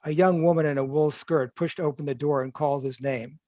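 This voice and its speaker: A man reads from his own novel at a measured, even pace, now and then correcting a word. His voice sits a little high for a man. The sound is dry and close, with no room around it. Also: no room sound. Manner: measured, even reading with occasional self-corrections. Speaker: author. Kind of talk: reading aloud from his novel. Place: livestream reading.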